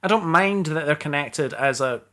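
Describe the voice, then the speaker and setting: A man's voice: fairly high pitch, lively intonation, normal speed, a bit bright. A man co-hosting a casual film podcast, talking in a dry, understated way. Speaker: podcast co-host. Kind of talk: casual film discussion chat.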